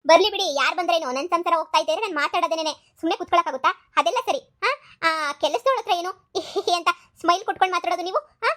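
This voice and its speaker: A woman doing a shrill jealous cartoon wife. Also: racing, a bit bright. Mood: accusing. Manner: accusing, needling, repeats herself. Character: jealous nagging young wife, suspicious and shrill. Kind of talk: cartoon comedy voice acting.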